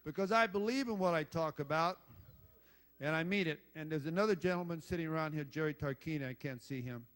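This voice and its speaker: A blunt, salty older man, once a football head coach, gives a rambling after-dinner induction speech full of stories, swearing and joking with the crowd. His voice runs on the high side, fairly quick and fairly bright.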